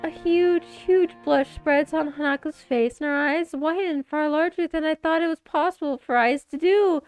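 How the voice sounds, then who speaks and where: High-voiced woman reading a visual novel. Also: dry recording. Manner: animated, quick reactions, laughs and asides. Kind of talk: reading game text aloud with commentary. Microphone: headset mic. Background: faint game music.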